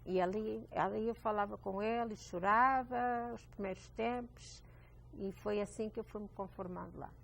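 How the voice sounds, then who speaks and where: A woman's voice: medium pitch, steady tone, moderate pace, vocal fry, a little hiss or hum. An older woman from Portugal, talking as a guest in a reflective, hesitant way with small restarts. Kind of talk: casual chat.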